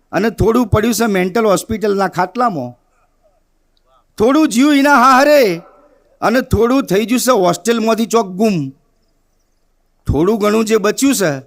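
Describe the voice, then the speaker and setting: A man voicing a rustic, unbothered village headman who speaks in deadpan verse. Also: sits high.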